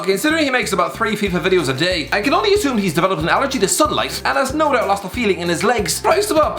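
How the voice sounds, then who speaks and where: A man's voice: sits high, sharp tone, roomy sound. A man with an Irish accent doing sardonic, joking comic football commentary to viewers, with some swearing. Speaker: host of a football YouTube channel.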